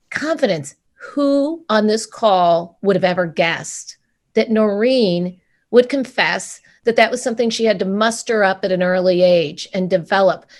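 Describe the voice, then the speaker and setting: A woman co-hosts a panel over a video call, her voice sitting in a middle register. She speaks effusively and warmly praises the panelists as she closes. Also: mid-range voice. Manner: enthusiastic, effusive. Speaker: co-host of a panel.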